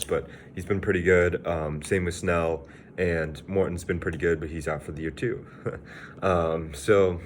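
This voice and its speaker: Very deep-voiced young male sports vlogger. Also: a little hiss or hum. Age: young adult. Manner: rambling, loose and offhand. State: slightly out of breath. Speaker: sports video host. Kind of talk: casual sports vlog talk.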